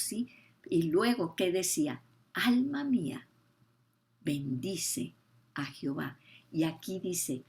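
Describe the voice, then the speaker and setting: A woman's voice: on the low side, darkish tone. An older woman, teaching the Bible with emphasis, repeating key phrases and asking her listeners questions.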